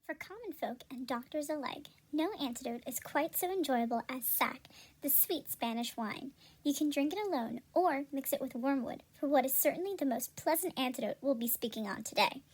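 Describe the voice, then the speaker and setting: A woman playing an upbeat, salesy pitchwoman in a parody pharmaceutical ad, persuasive and scripted. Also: expressive, moderate pace. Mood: enthusiastic selling. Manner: salesy, persuasive announcer delivery. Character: upbeat 17th-century female drug-commercial pitchwoman selling cures.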